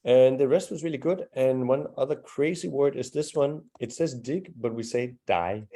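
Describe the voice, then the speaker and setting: Mellow-voiced man teaching a language class. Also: mid-range voice, moderate pace. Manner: patient, explanatory, encouraging. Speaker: Danish teacher. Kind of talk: live online language class.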